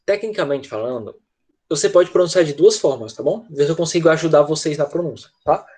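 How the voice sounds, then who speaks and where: A man's voice: a little high, animated, fairly quick, mellow, slightly rough. A male teacher, giving an online English lesson over a video call and patiently explaining pronunciation with frequent check-ins. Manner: patient, repeats "tá?" checks after each point.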